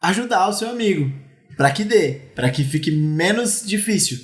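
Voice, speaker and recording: A man's voice: high-pitched, moderate pace, roomy sound. A man with a Brazilian Portuguese accent, a youth sports coach, telling stories in a casual podcast chat and acting out the dialogue. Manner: animated, acts out dialogue in his stories.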